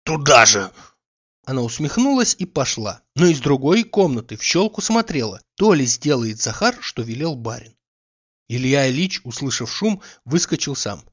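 A man reading a literary audiobook in a measured, calm storytelling manner. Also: medium pitch, breathy edge, lo-fi sound. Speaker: audiobook reader.

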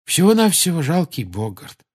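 A man voicing a calm middle-aged wizard who speaks quietly and soothingly, in an audiobook. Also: on the high side, normal speed, slightly rough, voice pushed up.

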